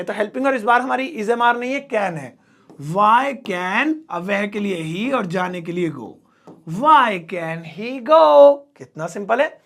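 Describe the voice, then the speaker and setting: Gravelly-voiced male English teacher, slow and repetitive. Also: very high voice, fairly bright tone. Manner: patient, repeats each word slowly and spells it out. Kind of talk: spoken English lesson while writing on a board.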